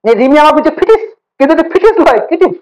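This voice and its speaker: A man teaching a relaxed online biology class. He talks very fast, stacks up fillers and repeats points as he explains. He teases and jokes with his students as he goes. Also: extremely high pitch, muffled recording. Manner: teasing, joking banter with students; rapid, repetitive explaining with fillers. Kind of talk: casual online class lecture.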